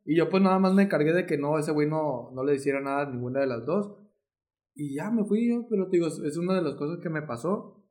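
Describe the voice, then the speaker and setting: A man with a Mexican Spanish accent recounts a story casually, pausing and hesitating as he goes. His voice sits a little higher than most men's. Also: expressive, darkish tone. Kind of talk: casual chat.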